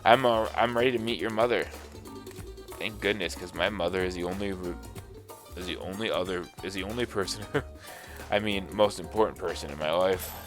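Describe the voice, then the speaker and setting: A man's voice: deep voice, normal speed, over music. A young man reading a dating game aloud, joking and doing voices as he plays. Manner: jokey, reads dialogue in voices. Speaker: gaming YouTuber.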